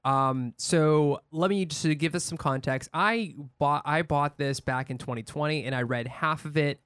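A man's voice: a little high, normal speed, fairly bright tone, clear, resonant tone, no echo. Chatty male podcast co-host, dry sound. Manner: chatty, laughs often, frequent fillers and restarts. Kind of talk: casual podcast chat.

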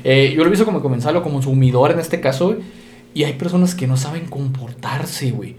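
A man's voice: medium pitch, fairly quick, darkish tone. A man with a Mexican accent hosting a casual podcast, talking in heavy street slang and dropping "güey" into nearly every phrase. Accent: Mexican Spanish. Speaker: podcast host. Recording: echoey room with faint noise.

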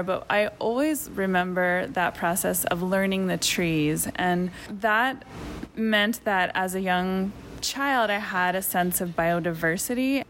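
A middle-aged woman from Virginia, an educator answering interview questions in a reflective, measured way. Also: medium pitch, slight background noise. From Virginia, USA. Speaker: course coordinator and educator.

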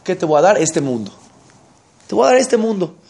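A man voicing an old father who gently consoles his son in a soothing, reassuring way. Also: high-pitched, sing-song, fairly quick, vocal fry, full character voice. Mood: consoling.

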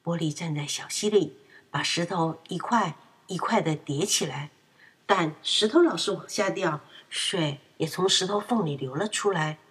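A woman reading a children's story aloud in an expressive, animated way. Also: fairly low pitch, moderate pace, husky.

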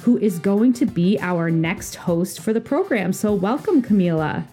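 Woman podcast host, mellow tone, welcoming intro, faint music under her. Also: medium pitch, expressive, a little slow, husky. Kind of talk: podcast interview hosting.

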